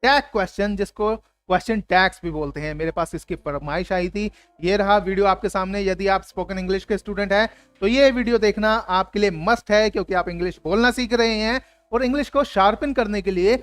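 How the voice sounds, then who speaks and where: A man's voice: high voice, fairly quick, hardly any pauses, a bit bright, soft background music. A man teaching an English grammar lesson for his video channel, explaining emphatically and acting out example phrases.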